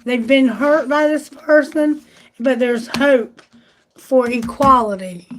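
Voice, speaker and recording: Woman, high voice, live tarot reader, talky and excitable, voice fading; slight background hiss. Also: slow. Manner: chatty, exclamatory, thinking aloud. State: losing her voice.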